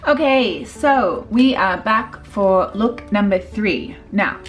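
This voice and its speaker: Woman, makeup tutorial, chatty, relaxed, lots of ums, faint music, camera mic. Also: medium pitch, slow pace. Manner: chatty, filler-heavy, relaxed. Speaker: makeup artist.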